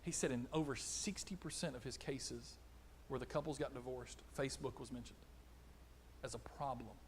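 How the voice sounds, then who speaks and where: A middle-aged man preaching a conversational sermon, animated, acting out little exchanges. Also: mid-range voice, moderate pace, slight background noise. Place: church auditorium.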